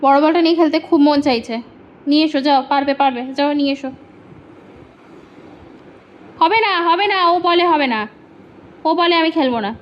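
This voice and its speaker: Woman, high voice, coaxing pet talk, slightly dull phone audio. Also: fast talker. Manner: coaxing, repeats commands to the dog. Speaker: dog owner filming her pet. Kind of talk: casual talk to a dog and viewers. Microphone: phone held in hand.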